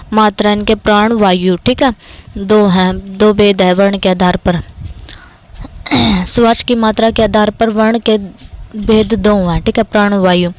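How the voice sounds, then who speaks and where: Walking students through exam-prep grammar one step at a time, this young woman from India speaks with a Haryanvi-tinged Hindi accent and keeps asking "theek hai." Her voice sits in the mid-range, she clears her throat now and then, and the recording is low quality.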